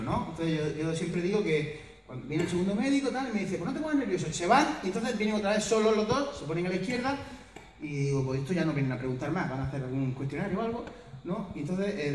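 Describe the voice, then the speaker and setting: A high-voiced man with a Murcian accent spins a jokey story and acts out the lines. He is heard from a distance in an echoey hall. A crowd laughs throughout. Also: slight background noise. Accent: Murcian Spanish. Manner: animated, jokey, acting out dialogue. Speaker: comedian. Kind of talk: stand-up storytelling to an audience. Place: hospital lecture hall. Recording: echoey hall, mic from afar, audience laughter.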